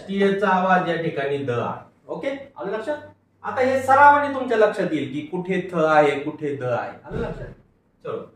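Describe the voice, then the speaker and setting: A male teacher giving a phonics lecture, patiently sounding out each word and repeating it for pupils to read along. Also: a little high. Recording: echoey room from far off, faint noise.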